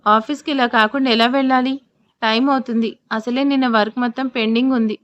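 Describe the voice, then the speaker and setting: A woman's voice: a little high, steady tone, fairly quick, fairly bright tone, no echo, highs cut off, lightly acted. A woman voicing a confused, flustered young husband who asks bewildered, defensive questions. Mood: puzzled.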